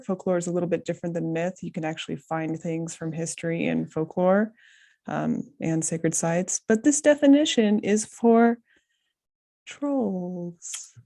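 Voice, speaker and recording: A woman's voice: lowish voice, warm tone. A woman co-hosting a casual group podcast, reading a passage aloud with joking asides. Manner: laughs often, reads with asides. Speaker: podcast co-host.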